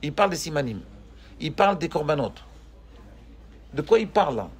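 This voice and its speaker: Casting: rabbi, slightly high voice, lively and questioning with his class. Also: a little fast, slightly rough. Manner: animated, questioning, joking with students. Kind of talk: lively Torah class with students.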